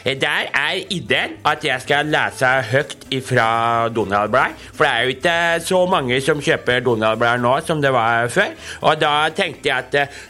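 Young male podcast host with an average-pitched voice; reads a comic aloud casually, rambling and hesitant as he describes the panels. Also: bright, forceful tone.

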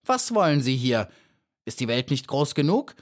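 A man voicing a sly, scheming old female spider in a storybook reading, with a croaky voice and a falsely polite, mocking manner. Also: mid-range voice, sing-song, normal speed, pitched above the performer's own voice, close to an everyday voice.

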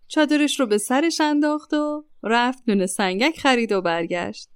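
Clear, close storyteller woman. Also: a little high, no echo. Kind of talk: children's story narration.

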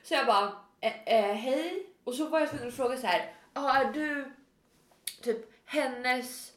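A woman's voice: sits high, roomy sound. A woman in casual chat, telling a story animatedly and acting out what people said. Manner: animated storyteller, acts out quotes.

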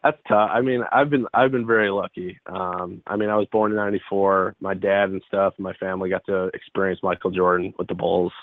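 A man's voice: deep voice, steady tone, a little fast, few pauses, dry recording. Young man on a tinny phone line. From Chicago area, United States. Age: 20s. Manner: loose and rambling, heavy on filler "like". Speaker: guest, baseball pitcher. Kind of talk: casual interview chat.

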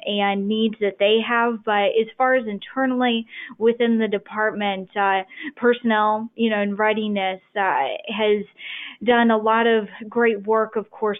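Woman's voice over a tinny phone line. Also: medium pitch. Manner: measured, with frequent ums and uhs. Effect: heard over a phone line. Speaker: defense official on a panel. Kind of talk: panel discussion answer.

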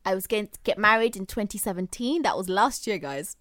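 A woman's voice: mid-range voice, brisk, no echo, studio quality. A young woman, co-hosting a casual chat podcast and often talking over her co-host. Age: young adult. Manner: chatty, animated, talks over her co-host.

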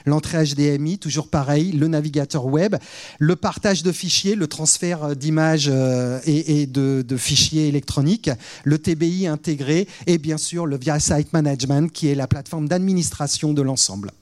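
A man presenting at a conference, his voice sitting slightly high for a man. He runs through long lists of features quickly, filling gaps with hesitant "euh" sounds. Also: darkish tone. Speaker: product presenter.

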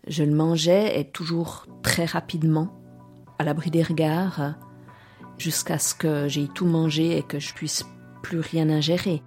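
Low gravelly woman in her forties. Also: darkish tone. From Lausanne region, Switzerland. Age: 40s. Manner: hesitant, reflective, many pauses and fillers. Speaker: interviewee. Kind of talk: personal testimony interview.

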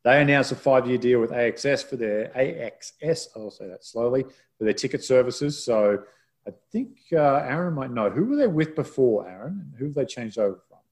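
A man hosting a casual news roundup, relaxed and rambling, with frequent restarts and fillers. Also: mid-range voice, brisk. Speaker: podcast host.

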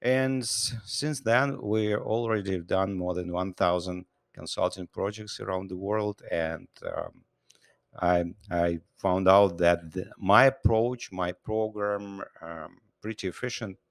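A man from Russia who speaks. He answers interview questions in halting English, with many restarts. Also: sits low, creaky, no echo, clean studio sound. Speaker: guest, business founder.

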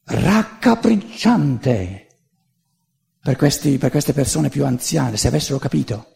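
Gravelly older male lecturer. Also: medium pitch, slow pace. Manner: animated, digressive, frequent restarts. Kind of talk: public lecture.

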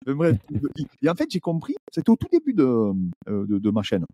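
Male podcast guest, YouTuber; very dark, breathy-edged voice, dry close sound, animated storyteller. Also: medium pitch, normal speed, no echo. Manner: animated storytelling with many restarts. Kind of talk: casual podcast chat.

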